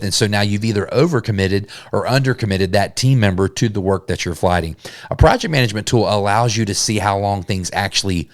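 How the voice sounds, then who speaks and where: On his solo business podcast, the host speaks in an earnest, conversational way, often correcting himself and starting sentences over. His voice is on the low side, and the recording is dry.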